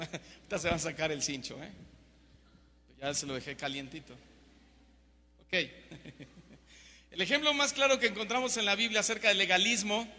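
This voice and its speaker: Male preacher, high bright voice, emphatic sermon in a big echoing hall. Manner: emphatic, swings from loud to hushed. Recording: long hall reverb.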